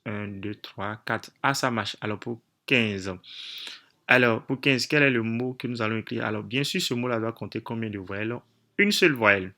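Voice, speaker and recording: A man's voice: lowish voice, normal speed, bright, forceful tone. A man coaching students through logic exercises step by step, methodical, thinking aloud with frequent hesitations. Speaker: coach teaching logic tests.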